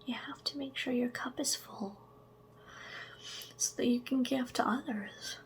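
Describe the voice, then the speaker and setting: An ASMR creator with a high voice whispers slow, soft affirmations directly to the listener. She drops in chatty asides and shows a gentle sense of humor.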